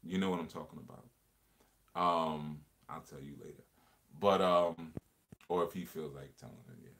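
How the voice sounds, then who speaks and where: His voice is very deep yet fairly bright, with a steady tone and normal speed. Hosting a casual livestream chat, this man talks in an earnest, reflective way, repeating words while he explains.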